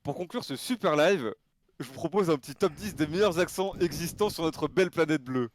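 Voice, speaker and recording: A man's voice: fairly high pitch, fairly quick. A man streaming live in casual, joking chat, laughing and exclaiming.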